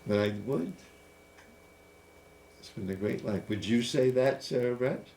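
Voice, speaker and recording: A man's voice: mid-range voice, a little slow, creaky, darkish tone. A man in his fifties hosting a casual, playful chat about scripture, musing aloud and laughing easily. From United States. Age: 50s. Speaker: host. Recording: faint background noise.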